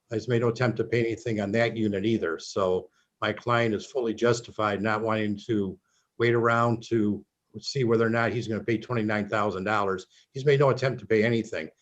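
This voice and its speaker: A man speaking as an attorney over a video call in a virtual court hearing, firm and matter-of-fact. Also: fairly low pitch. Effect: heard over a video call. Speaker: attorney for the plaintiff. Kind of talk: formal legal argument in a virtual court hearing. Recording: dull lo-fi video call audio with faint noise.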